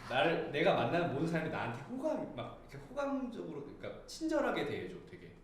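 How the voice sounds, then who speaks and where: Host: chatty male radio host, lively up-and-down delivery, echoey room with faint hiss. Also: on the high side, fast talker. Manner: chatty, laughs often, muses aloud. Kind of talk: casual chat. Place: student radio studio.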